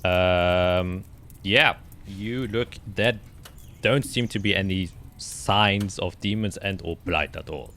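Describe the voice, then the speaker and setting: Acting as game master for a tabletop fantasy game, a man improvises the narration and frequently pauses to hunt for the right words. His voice is deep yet fairly bright in tone.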